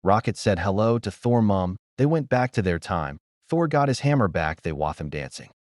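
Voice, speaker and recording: A man with a fairly low voice talks animatedly at a normal speed, recorded cleanly in a studio with no room sound. Like an amateur reviewer, he retells a film's plot in simple spoken form, using short, choppy, loosely worded sentences.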